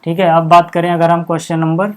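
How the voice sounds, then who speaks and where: A man's voice: a little high, level tone, fast talker, smooth. A man teaching a maths lesson, talking students through each step in a chatty way and saying "okay" often. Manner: chatty, repeats "ठीक है", addresses students as bhai. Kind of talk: blackboard-style lesson explanation.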